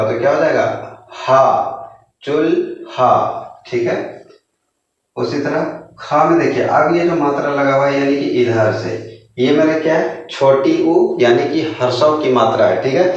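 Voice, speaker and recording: A man teaching a beginner lesson, slowly sounding out syllables and asking and answering his own questions. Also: mid-range voice. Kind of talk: Hindi literacy lesson. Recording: distant echoey lo-fi room sound.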